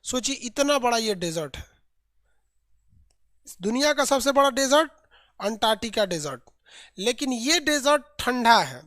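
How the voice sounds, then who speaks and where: A man's voice: very high voice, expressive, a little slow, long pauses, a bit bright, no room sound. Male tutor, live online class, repeats lists in chant, dry close sound. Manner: drills lists by repetition, colloquial and playful. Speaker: teacher.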